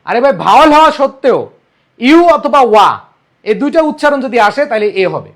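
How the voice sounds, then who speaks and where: A man's voice: extremely high pitch, big pitch swings, fast. A young man teaching an online exam-prep English lesson, coaxing and repeating rules for his students. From Bangladesh.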